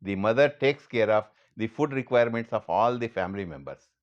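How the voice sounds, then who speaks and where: A man's voice: on the low side, animated, brisk, highs cut off. A man with an Indian accent delivering a scripted monologue, speaking earnestly and directly to the person he addresses.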